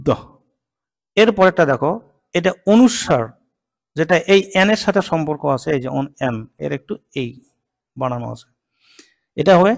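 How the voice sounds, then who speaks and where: A man teaching English consonant sounds in a slow lesson. He says each sound patiently and repeats it several times. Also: fairly high pitch, big-room sound. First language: Bengali. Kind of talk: slow spoken pronunciation lesson.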